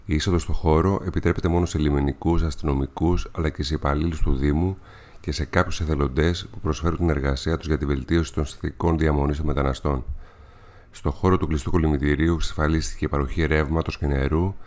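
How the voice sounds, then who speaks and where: A man with a Greek accent reading a local news bulletin on community radio in a steady, plain way. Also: very deep voice.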